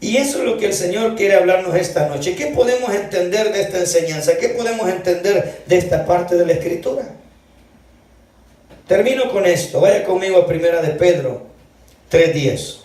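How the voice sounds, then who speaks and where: Male preacher, higher voice, reads scripture, says "brother" a lot, booming hall echo. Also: lively intonation, normal speed, a little mellow. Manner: keeps calling listeners brother. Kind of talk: evening sermon reading scripture aloud. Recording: echoey hall, distant mic.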